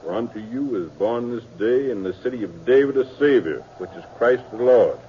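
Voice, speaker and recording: A man's voice: mid-range voice, lively intonation, warm tone, lightly acted. A man playing a grave old pioneer solemnly reading scripture in an old-time radio drama. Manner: grave, measured. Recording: muffled old radio, faint noise.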